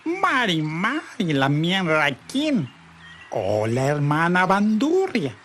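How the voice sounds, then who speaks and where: Storybook male fox, voiced by the narrator: sly and envious, very slow drawn-out croon. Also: medium pitch, wildly swooping pitch, a bit bright, a little hiss or hum, full character voice. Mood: mournful. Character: sly lovelorn male fox who envies birdsong.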